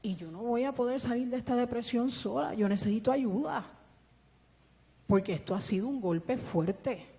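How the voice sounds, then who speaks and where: In a church hall with a long echo, a woman with a Puerto Rican Spanish accent earnestly testifies while using a ventilator. Her voice is a little high, mellow and slightly rough, at a moderate pace with few pauses, and she acts out the conversations she describes.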